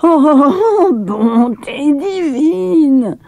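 A woman voicing an excitable old woman servant with piercing, dramatic cries in a storybook. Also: sits high, takes it slowly, dry recording, voice pushed up. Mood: alarmed.

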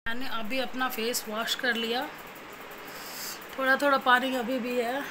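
Speaking at an unhurried pace in a fairly high, flat voice, a young new mother gives her viewers straightforward advice in a casual home vlog. She's chatty with them and coos baby talk to her infant, with background noise audible.

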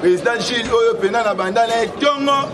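A man's voice: very high voice, a little fast. A man leading a street crowd in call-and-response chants and sung slogans, outdoors. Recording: crowd noise and music, from a distance.

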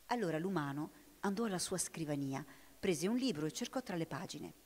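A woman with an Italian accent reading a story aloud in an expressive way, recorded in a hall with long reverb. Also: fairly low pitch, brisk. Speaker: reader.

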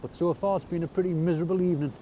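Very fast but warm, his voice on the high side with fairly even intonation, a North East English angler vlogger chats through a casual fishing vlog. He's out on a rocky shore at night in wind and rain, joking in an understated, self-deprecating way. Faint wind noise comes through the outdoor camera audio.

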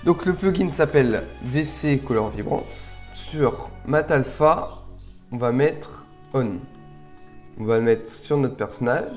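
A man hosting a casual software tutorial, relaxed and a little rambling as he explains each step. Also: mid-range voice, slow, soft background music. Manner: relaxed, chatty, slightly rambling. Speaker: video tutorial host.

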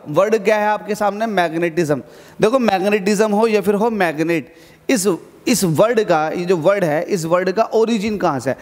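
Speaking in a high pitch, this man teaches physics to students preparing for exams in a spacious hall. He keeps pushing them forward, drives home important points again, and handles his own questions.

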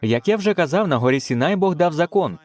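A man's voice: a little high, lively intonation, fairly quick, no room sound. A man preaching a dubbed sermon in a fervent way, with frequent exclamations of praise.

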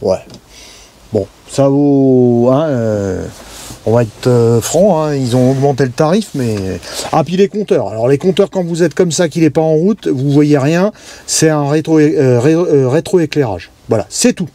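A man shows viewers around his camper van, filming from a body-worn camera inside it. His delivery is casual and stop-start, packed with fillers as he indicates features, and his voice is mellow and pitched on the high side.

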